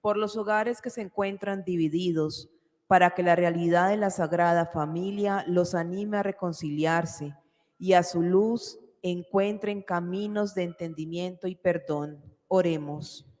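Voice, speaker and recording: A woman reading the prayers of the faithful at mass in a steady, formal way, with a cathedral echo around her voice. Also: lowish voice, unhurried. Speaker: lay reader. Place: large church. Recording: long church reverb.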